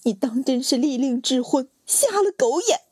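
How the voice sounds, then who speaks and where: A woman voicing a shrill, tearful wronged noblewoman. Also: moderate pace, mellow, no room sound, clean studio sound, close to an everyday voice. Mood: furious. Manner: high, strained and tearful. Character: wronged young noblewoman, desperate and grief-stricken.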